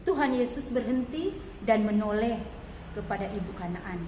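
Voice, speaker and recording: A woman narrating a children's Bible story slowly and expressively. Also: medium pitch, animated, mellow, slight background noise. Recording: echoey hall, faint ambience.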